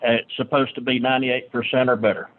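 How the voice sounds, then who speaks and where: A man's voice: medium pitch, little pitch movement, fairly quick. A man calling into a county board meeting by phone, giving a plain, matter-of-fact report while his line breaks up and stutters. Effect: phone line breaking up, choppy and stuttering. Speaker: county official on a phone call. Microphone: phone call.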